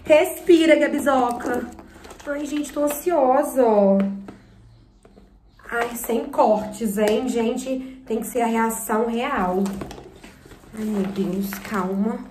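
A woman with a Brazilian Portuguese accent in an excited unboxing vlog, talking breathlessly and nervously, close to tears. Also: fairly high pitch, takes it slowly, long pauses, slight background noise. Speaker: YouTuber and performer. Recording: echoey room.

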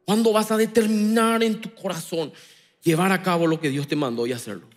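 A man with a Paraguayan Spanish accent, preaching a sermon with impassioned swings between loud declarations and quiet asides. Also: high voice, fairly quick, in a large hall. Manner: impassioned preaching, rising and dropping sharply. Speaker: pastor.

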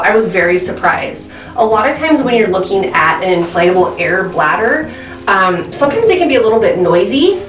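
A woman in her thirties giving a casual product review, chatty and filling pauses with "um". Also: medium pitch. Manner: chatty, frequent "um" fillers. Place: indoor room at a desk. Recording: roomy and slightly distant.

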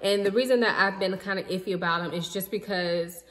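Seated at home in her living room, a woman in her thirties chats casually to the camera about things she bought, calling her viewers "y'all." Her medium-pitched voice moves fairly quickly and sounds like it's in a large hall, though the haul vlog is relaxed and chatty.

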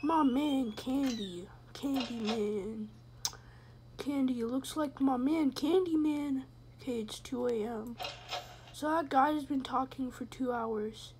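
A woman with a high voice doing let's-play commentary on a horror game, speaking slowly and unhurried. She jokes and rambles, sometimes dropping to a whisper, with faint noise in the background. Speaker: gamer.

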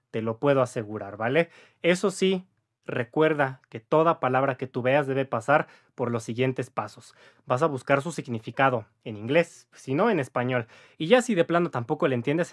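An English teacher in his twenties, Mexican-accented and mid-range in voice, records a relaxed lesson facing the camera. Lively and conversational, he keeps dropping in "¿va?" and "¿vale?" to make sure viewers follow. He's inside a room with a patterned wall.

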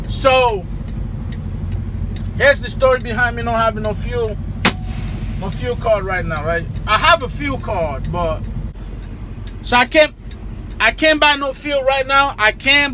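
A man's voice: high voice, background noise. A young man, vlogging casually from his parked truck cab on a phone camera, talking loosely and slangy straight to his viewers. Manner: loose, chatty, slangy, addresses the viewers directly. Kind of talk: casual vlog talk to camera. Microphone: phone camera at arm's length.

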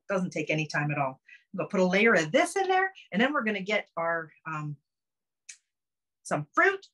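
A woman's voice: on the low side, a bit bright. Chatty woman demoing a home recipe. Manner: chatty, upbeat, step-by-step explaining. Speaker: cooking demonstrator. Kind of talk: casual cooking demo on a video call. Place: home kitchen, indoors. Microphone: phone camera close up.

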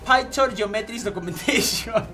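A man with a Spain Spanish accent, live-streaming an online game, chatting excitably and thanking donors. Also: high-pitched, moderate pace. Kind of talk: live gaming stream chat. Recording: game music playing behind voice. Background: game music.

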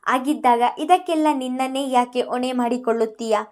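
A woman storyteller voicing a mother who gently consoles her distressed daughter. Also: sits high, brisk, close to an everyday voice. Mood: consoling.

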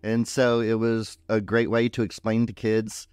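A man representing a YMCA, chatting in an easygoing, measured way. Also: fairly low pitch, little pitch movement, darkish tone, clean tone, dry recording, faint music behind. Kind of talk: casual chat.

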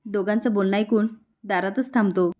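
A woman narrator retells a television soap episode in a steady, even storytelling flow. Her voice sits at an ordinary middle pitch for a woman. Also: normal speed.

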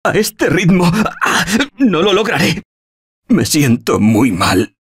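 A man with a Castilian Spanish accent playing an anxious everyman zombie-apocalypse survivor in a video game, emotive and slangy, with a husky voice. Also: a little high, very animated, slow pace, exaggerated voice. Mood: hurt, weary.

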